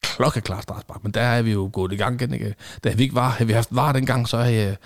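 Guest, middle-aged man, gravelly voice, ex-referee telling stories with acted-out quotes. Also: mid-range voice. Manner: animated storyteller acting out quoted exchanges. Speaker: former football referee, guest. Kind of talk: conversational anecdote telling.

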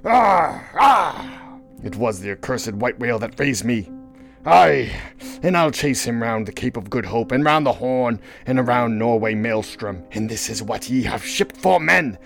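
A man's voice: mid-range voice, close to an everyday voice. A man voicing a vengeful, domineering old sea captain in a dramatic novel reading, with grandiose, archaic seafaring speech.

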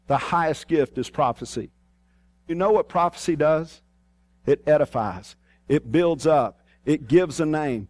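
A man's voice: high-pitched, no echo. A man preaching a sermon in a plain-spoken, folksy way, with a Southern US hillbilly accent and country twang. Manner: plain-spoken, folksy, repeats key phrases for emphasis.

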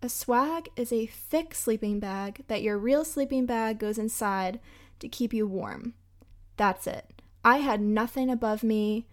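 Young woman, podcast host, casual storytelling, chatty and emphatic, higher voice. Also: unhurried.

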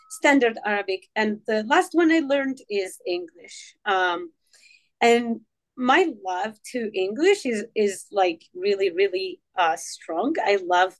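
A woman from Morocco whose first language is Tamazight, speaking English as a podcast guest, with many fillers and restarts. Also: mid-range voice. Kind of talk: casual interview talk.

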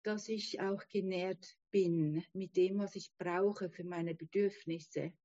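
Female interview guest, non-native German speaker, soft-edged tone, halting and thoughtful, slightly muffled sound. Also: lowish voice, steady tone. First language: not German. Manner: halting, searching for words. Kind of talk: reflective personal conversation. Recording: dull, roomy sound.

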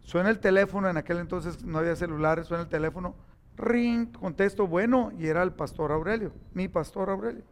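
Animated preacher man, high voice. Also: a little fast, slight background noise. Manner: animated storytelling, acting out dialogue. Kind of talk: sermon with personal stories.

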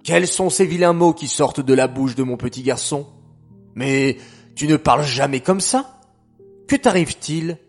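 A man voicing a gentle, patient father who teaches his children in a storybook tale. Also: a little high, faint music behind. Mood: surprised. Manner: calm, measured, gently instructive.

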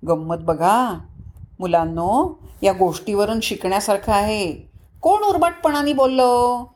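A woman telling a moral story to children, speaking lively and asking them questions that she answers herself. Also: medium pitch. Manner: sings devotional verse slowly.

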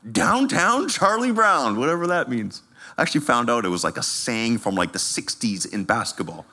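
A man, a pastor giving a sermon with personal stories in a conversational, animated way. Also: mid-range voice. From Canada. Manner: animated, conversational, laughs while telling stories.

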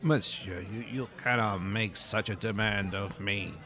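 Guy doing a fussy french head waiter, snooty, slow drawl. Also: medium pitch, sing-song, gravelly, a crowd in the background, exaggerated voice. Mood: haughty. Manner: fussy put-on French accent, prim refusals.

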